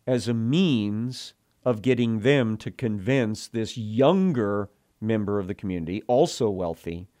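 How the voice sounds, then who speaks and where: A man's voice: fairly low pitch, mellow. A man teaching from the Bible, reading scripture and retelling it in earnest, emotional storytelling.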